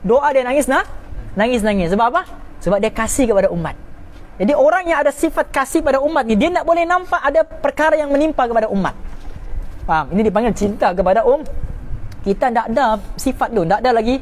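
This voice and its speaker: A man's voice: very high-pitched, quick pace. A man teaching a religious class, often checking in with his listeners and drawing out key words for emphasis.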